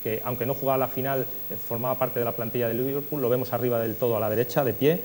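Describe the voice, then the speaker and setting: On his football history show, a Spanish man from Spain chats through old results and match action. His medium-pitched voice is fast, fairly even, and a little mellow, over a noisy recording with electrical hum.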